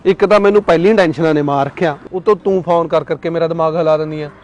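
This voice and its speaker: A man's voice: fairly high pitch, steady tone, fast talker, darkish tone, highs cut off, soft background music, lightly acted. A young man playing a stressed student who argues irritably. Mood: irritated. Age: young adult. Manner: irritated, argumentative.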